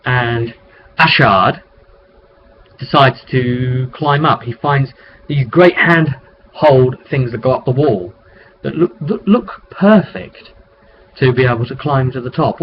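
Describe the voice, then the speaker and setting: A man with a medium-pitched voice, lively intonation and measured pace casually recounts a tabletop roleplay session he ran as game master, rambling off the cuff. It is recorded on a webcam microphone, giving dull lo-fi audio with noise.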